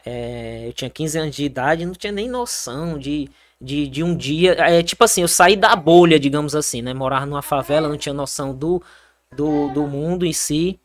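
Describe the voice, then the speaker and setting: Young Brazilian soldier guest, lively storyteller who restarts often. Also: male voice, fairly high pitch, normal speed. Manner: animated storytelling, many fillers and restarts. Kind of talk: casual interview.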